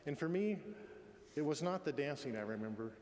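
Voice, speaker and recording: A man in his sixties giving a eulogy in a tender, faltering, halting way. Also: on the high side, expressive, a little mellow. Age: 60s. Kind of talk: eulogy, spoken address. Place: large echoey room at a memorial gathering. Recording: echoey hall with long reverb.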